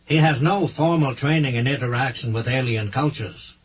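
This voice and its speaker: A man voicing a self-assured, persuasive male human diplomat in an audiobook, with a husky voice and a slightly patronizing manner. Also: medium pitch, normal speed, pitched above the performer's own voice, close to an everyday voice.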